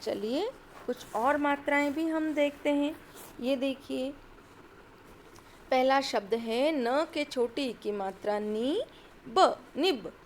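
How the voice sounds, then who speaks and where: A woman teacher with a high voice takes young children through a Hindi lesson at an unhurried pace. She sounds each word out patiently and cheers them on as she goes. Faint noise sits behind her voice. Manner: patient, sounds words out slowly.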